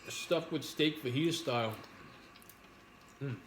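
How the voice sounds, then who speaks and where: A man's voice: mid-range voice, measured pace. A man hosting a livestream, chatting casually in a rambling, playful way with some swearing. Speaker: host of a livestream mukbang. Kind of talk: casual chat while eating pizza, reading viewer comments. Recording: echoey room with background noise.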